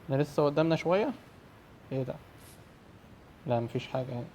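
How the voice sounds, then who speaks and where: Excitable Egyptian man narrating a horror game. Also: a little high, quick pace, a little hiss or hum. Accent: Egyptian Arabic. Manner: excitable, shouts and swears when scared. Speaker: gamer.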